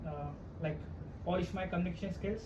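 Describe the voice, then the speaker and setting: A man's voice: high-pitched, steady tone, a little fast, lo-fi sound. A man introducing himself in class, matter-of-fact with fillers. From India. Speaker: student. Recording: echoey room, clear background noise.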